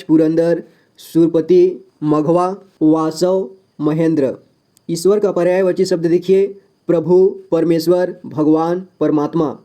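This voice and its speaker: Guy teaching a word lesson, high voice but really mellow dark tone, keeps saying ok after every point. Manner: repeats "ठीक है" after each point, slow and deliberate. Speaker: Hindi teacher. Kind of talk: classroom lesson listing words.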